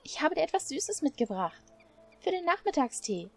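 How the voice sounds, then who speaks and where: A woman's voice: sing-song, normal speed. A woman voicing a stubborn, eager young girl in a game, speaking earnestly in a raised voice. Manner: earnest, pleading, raised pitch. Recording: faint music behind.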